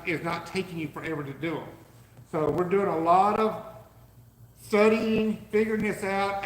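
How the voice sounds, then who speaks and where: A man co-hosting a live podcast from a warehouse, pitching his gear with eager, salesman-like energy, his voice going hoarse. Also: echoey room, long reverb tail, slight background noise, low-quality recording. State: losing his voice. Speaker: podcast co-host, business owner. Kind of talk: casual live podcast chat.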